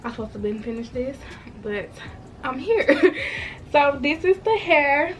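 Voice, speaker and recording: A woman's voice: high-pitched, animated, measured pace. A woman in her twenties with a congested, stuffy voice, chatting straight to viewers in a casual hair review vlog at home. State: congested from a cold. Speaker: hair vlogger. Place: at home, washing machine running nearby.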